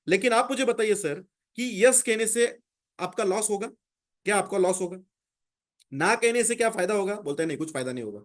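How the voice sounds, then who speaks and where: A man giving a sales training lecture, coaching listeners and acting out sample dialogues with prospects. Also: sits high.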